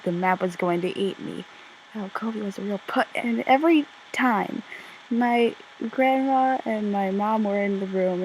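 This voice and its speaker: A woman speaks from under a blanket in a bedroom, with faint noise on the amateur recording. Her delivery is deadpan and a little bored, with a medium pitch. She narrates casually like a homemade video, poking fun at herself and tripping over words now and then. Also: low-quality recording. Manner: deadpan, slightly bored-sounding; self-deprecating, stumbles over words. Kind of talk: casual scripted commentary, childhood reminiscence.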